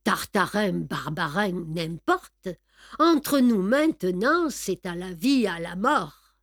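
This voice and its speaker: A woman reading a storybook aloud, voicing a suave, theatrical male prince who speaks slowly and grandly. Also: mid-range voice, no room sound, clean studio sound. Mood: grandiose.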